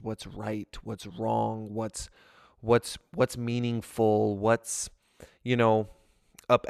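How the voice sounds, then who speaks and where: A man's voice: fairly low pitch, creaky, no room sound, clean studio sound. A man co-hosting a casual podcast, laid-back and thoughtful, often searching for his words. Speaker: podcast co-host.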